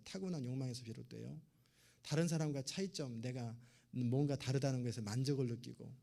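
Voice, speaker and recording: A man preaching in an easy, conversational way, his mid-pitched voice carrying a gravelly, fry-laden edge. He is a pastor, and he keeps voicing everyday exchanges as he talks to his congregation. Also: darkish tone. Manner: conversational preaching, acting out little dialogues. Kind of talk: sermon.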